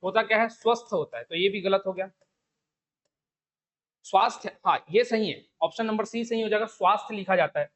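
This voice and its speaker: An exam coaching teacher with a Chhattisgarhi Hindi accent gives an online Hindi spelling lesson, going through the options step by step and repeating key words. He repeats the question and the answer over and over, his voice sitting high, fairly bright in tone, and a little fast.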